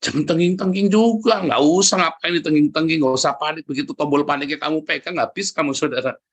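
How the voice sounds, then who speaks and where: A man preaching a sermon, lively and joking, often turning to address the congregation directly. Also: on the high side, fairly quick. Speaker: pastor.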